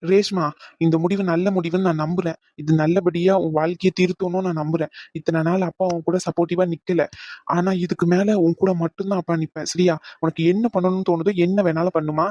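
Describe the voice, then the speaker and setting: A man's voice: sits high, steady tone, fast talker, darkish tone, no room sound, lo-fi sound. A man voicing a protective middle-aged father who reassures his daughter. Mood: tender. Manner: reassuring, then firm. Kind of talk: cartoon voice acting.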